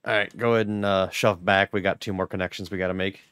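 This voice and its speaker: Guy streaming a train game, joking with chat, kinda low voice. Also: fairly even intonation, quick pace, a bit bright, smooth, no echo, clean studio sound. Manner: joking, chatty, talks to chat. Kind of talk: live-stream gameplay commentary.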